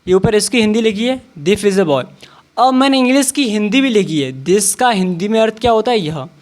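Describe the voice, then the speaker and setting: A man's voice: high-pitched, normal speed. A man teaching English reading. He spells each word out letter by letter, then says it. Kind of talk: slow spelling-out English lesson.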